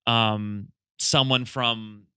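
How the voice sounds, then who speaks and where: Young male podcast host, casual and jokey, crisp voice with a dry, close sound. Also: lowish voice, very slow, no room sound. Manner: friendly, joking, relaxed questions. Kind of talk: casual interview chat.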